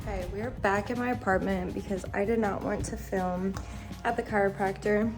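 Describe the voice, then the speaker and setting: Hoarse young woman, mid-range voice, rambling casual vlog chat over background music. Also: medium pitch, fairly even intonation, normal speed. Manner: chatty, rambling, with frequent fillers. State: hoarse from a recent cold. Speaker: vlogger.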